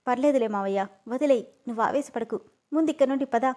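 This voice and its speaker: A woman's voice: fairly high pitch, fast talker, warm tone, close to an everyday voice. A woman doing a tearful, wronged young woman. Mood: pleading. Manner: pleading, tearful.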